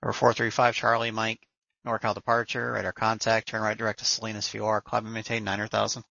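A man's voice: on the low side, completely flat delivery, quick pace, creaky, bright, forceful tone, no room sound, muffled recording. A man working as an air traffic controller, giving procedural instructions over the radio. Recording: dry, band-limited radio audio.

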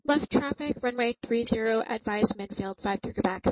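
A woman's voice: a little high, normal speed, slight background noise. A woman speaking as a pilot over the radio to the tower, somewhat hesitant. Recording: dull, dry lo-fi radio transmission.

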